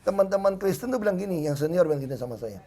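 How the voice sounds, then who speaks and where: A man's voice: sits high, lively intonation, racing, warm tone. A middle-aged man talking as a guest in a casual conversation, blunt and emphatic, slipping into street slang and acting out what other people said. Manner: acts out others' words in quoted voices.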